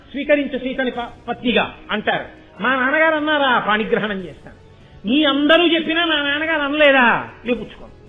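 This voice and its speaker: A man voicing a dutiful, firm young prince. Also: very high voice. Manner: firm, reasoning rhetorical questions. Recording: tinny phone-like lo-fi sound with faint music.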